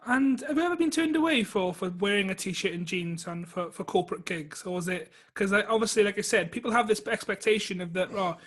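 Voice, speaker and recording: A man's voice: sits high, lively intonation, a little fast, hardly any pauses, fairly bright tone. A man hosting a podcast, chatting in an easygoing, agreeable way with his guest. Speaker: podcast host. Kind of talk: casual interview talk.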